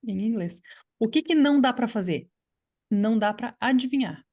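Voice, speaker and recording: A woman's voice: a little high, expressive, normal speed, a little mellow. Patient woman teaching an online class. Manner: patient, explanatory, checks understanding often. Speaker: English teacher. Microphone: video call.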